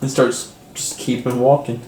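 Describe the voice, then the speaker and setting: A man's voice: mid-range voice, flat delivery, moderate pace, darkish tone. A man running a tabletop game as game master, narrating casually with fillers. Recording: roomy echo, faint background noise.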